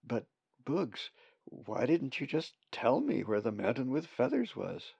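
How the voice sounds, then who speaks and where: A man's voice: mid-range voice, wildly swooping pitch, unhurried, gravelly, a little mellow, breathy edge, no room sound, exaggerated voice. A man voicing a curious, earnest young male raven full of questions. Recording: dull dry lo-fi recording.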